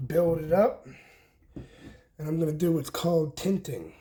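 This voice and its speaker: With an unhurried, warm voice on the high side, this man runs a casual DIY homestead tutorial on wiring, explaining informally one step at a time in short chunks as he works.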